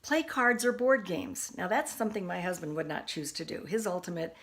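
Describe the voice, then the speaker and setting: A woman's voice: fairly low pitch, lively intonation, brisk, a bit bright. An older woman giving an earnest, homey talk, working through her points one by one. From United States. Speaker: course instructor. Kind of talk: informal lecture.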